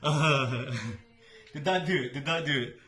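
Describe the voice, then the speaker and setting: A Scottish man livestreaming from home during lockdown, singing folk songs with jokey chat and coaxing viewers to join the chorus. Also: fairly high pitch. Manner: jokey, coaxes viewers to sing along. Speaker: singer-songwriter livestreaming. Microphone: livestream microphone. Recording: loud instrument over voice. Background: loud acoustic instrument.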